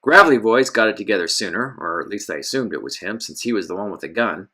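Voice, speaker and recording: A man's voice: on the low side, expressive, quick pace, sharp tone. A man narrating a first-person pulp adventure story with wisecracking, self-mocking, hard-boiled asides.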